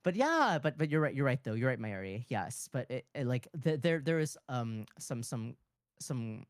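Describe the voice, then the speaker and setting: A streamer in casual livestream chat, excitable and often repeating words and phrases in bursts. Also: mid-range voice, normal speed, no echo, studio quality. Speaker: streamer, pianist and composer.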